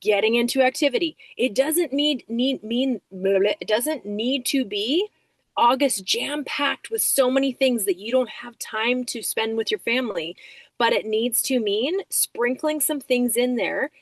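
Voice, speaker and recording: A woman's voice: on the high side, unhurried, dry recording. A woman leading a team video call, giving a casual motivational talk full of "like" and "um". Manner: chatty, many fillers like "like" and "um". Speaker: team leader.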